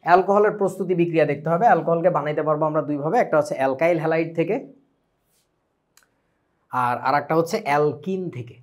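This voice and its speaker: A young man with a Bangladeshi Bengali accent teaching a chemistry class online, lively and full of questions to his students. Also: a little high, quick pace, pauses often. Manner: lively, asks students questions often, mixes English words.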